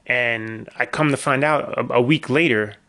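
This is a middle-aged man hosting a solo podcast, his mid-range voice bright and forceful at a moderate pace. He rambles through lengthy stories with wry side comments, sounding a little worn after being sick.

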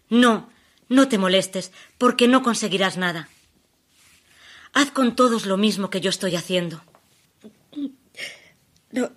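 Stage monologue: actress as a desperate abandoned woman pleading by phone, emotional and halting, high-ish voice. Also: breathy edge. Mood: wistful. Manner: emotional, halting, shifting between hushed pleas and urgent outbursts. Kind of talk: theatrical monologue.

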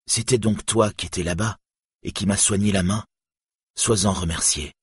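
Man playing a storybook warrior hero, commanding, raised husky voice, dry read. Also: lowish voice, steady tone, normal speed, no echo. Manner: commanding, wrathful. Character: grim hero warrior, proud and wrathful.

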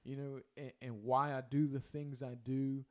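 A man's voice: mid-range voice, little pitch movement, normal speed. A man, sharing a faith testimony earnestly and emphatically. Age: 20s.

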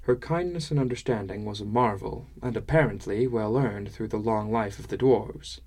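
A man narrating a fantasy book chapter in the first person, measured and descriptive. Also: on the low side, a little mellow. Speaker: audiobook narrator.

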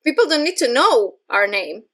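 A woman's voice: high-pitched, big pitch swings, normal speed, pushed and bright. A woman co-hosting a podcast in casual chat, teasing and laughing along. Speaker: podcast co-host.

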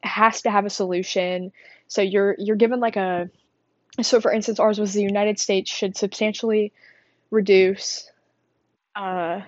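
A teenage girl talks casually and a bit out of breath, her middle-pitched voice wandering from thought to thought with lots of fillers. The sound is dull and dry, recorded close in a small quiet space. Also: level tone, unhurried, no room sound. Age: teens. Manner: rambling, chatty, self-deprecating with frequent fillers. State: winded, out of breath. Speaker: student vlogger. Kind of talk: casual rambling monologue.

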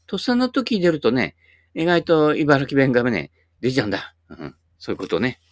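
A man's voice: medium pitch, sing-song, fairly quick, no room sound, clean studio sound. A man in his sixties talking in a folksy, rambling way, full of asides and tag words, as he hosts his own channel. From Japan. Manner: chatty, folksy, many tag particles and asides. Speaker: YouTube host. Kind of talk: casual rambling monologue.

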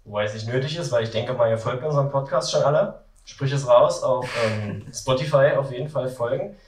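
A man's voice: mid-range voice, brisk, darkish tone. A man hosting a live event, speaking casually and hesitantly with many fillers. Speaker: event host. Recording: echoey room, from far off, faint noise.

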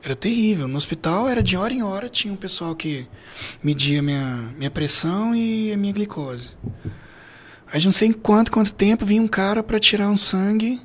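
A middle-aged Brazilian man with a hoarse, gravelly voice, telling a personal story as an interview guest in a halting, emphatically repetitive way. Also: high voice, a bit bright. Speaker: podcast guest.

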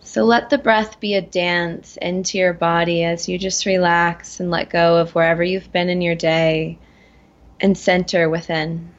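Woman, guided meditation, somewhat low pitch, soothing, unhurried with long pauses, slightly muffled audio. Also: little pitch movement. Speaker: guest guiding a meditation.

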